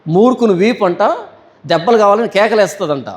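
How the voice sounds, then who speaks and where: A male pastor giving a Bible study sermon. He asks rhetorical questions and answers them, and he reads scripture verses slowly and deliberately. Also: high voice, lively intonation, in a large hall.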